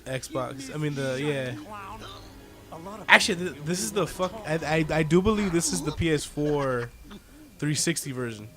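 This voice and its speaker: A man's voice: fairly high pitch, normal speed, music in the background. A man in his twenties with a frog in his throat, playing and commenting casually, swearing freely. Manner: laid-back, swears casually. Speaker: gaming co-host and player. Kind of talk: casual let's-play commentary.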